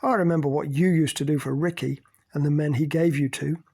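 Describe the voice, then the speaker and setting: A man's voice: on the high side, steady tone, a little fast, dark tone, slightly rough. A man voicing Cynthia, an indignant, prickly woman who sneers and dismisses, in an audiobook. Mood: sneering. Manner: defensive, dismissive.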